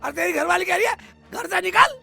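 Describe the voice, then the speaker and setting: Brief: male actor as a squeaky-high, gravelly comic fool, blubbering and shouting, music bed under him. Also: expressive, brisk, exaggerated voice. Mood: blustering. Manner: wailing theatrically, shouting, blubbering. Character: bumbling foolish man Sheikh Chilli, loud and weepy. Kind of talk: low-budget comedy film acting. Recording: background music under dialogue.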